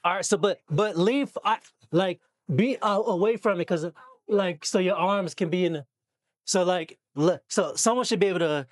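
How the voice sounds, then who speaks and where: A woman directing performers on a music video set, giving quick encouraging cues and instructions. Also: fairly low pitch, no room sound, studio quality.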